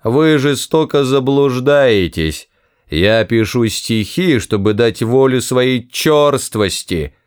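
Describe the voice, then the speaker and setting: A man voicing a pompous, cold-hearted male alien captain who writes poetry, speaking slowly and haughtily in an audiobook. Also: medium pitch, animated, clear, resonant tone, no echo, studio quality, voice pushed up.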